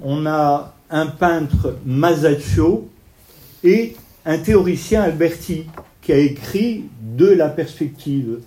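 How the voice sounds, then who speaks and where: A man's voice: a little high, lively intonation, takes it slowly, mellow. A man lecturing on art history at an evening talk, explaining paintings step by step while pointing out details and talking with his hands. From Italian family background.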